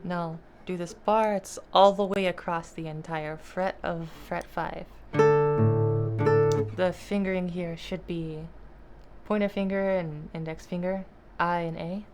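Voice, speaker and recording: Female guitar teacher, slightly low pitch, casual and self-deprecating, trailing off with fillers, loud guitar playing under her. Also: fairly even intonation, slow. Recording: guitar playing loudly behind. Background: acoustic guitar.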